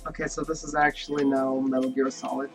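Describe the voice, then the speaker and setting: A woman's voice: rumbling low, little pitch movement, fast, recorded from a distance, over music. A woman co-commentating on a video game in casual chat.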